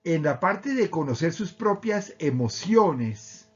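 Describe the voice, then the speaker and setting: A man with a Colombian accent, calmly explaining how emotions work with everyday examples. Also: a little high, takes it slowly, husky, muffled recording. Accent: Colombian Spanish. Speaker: speaker on emotional education. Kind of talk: explanatory talk.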